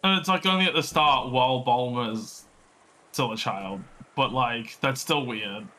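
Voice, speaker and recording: A man's voice: mid-range voice, a little slow, pushed and bright. A man bantering casually and jokingly as co-host of a game playthrough.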